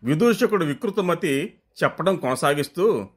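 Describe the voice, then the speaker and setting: A man narrating a scripted comic folk tale in a lively storytelling manner. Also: fairly high pitch, moderate pace, husky.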